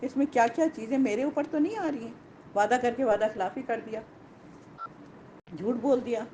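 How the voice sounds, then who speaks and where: A woman teaching a Quran lesson to women, animated, asking rhetorical questions and repeating key points. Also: a little high, muffled recording, a little hiss or hum.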